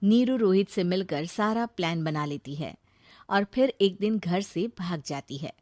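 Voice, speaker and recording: A woman's voice: fairly low pitch, a little slow, a little mellow, dry recording, clean studio sound. A woman storyteller narrating a dramatised family story.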